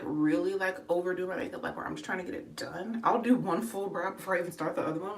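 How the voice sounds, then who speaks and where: Young adult woman, slightly low voice, out of breath, casual makeup tutorial chat, roomy echo. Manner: chatty, talks to viewers as y'all. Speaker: beauty livestreamer. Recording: echoey room, voice slightly distant.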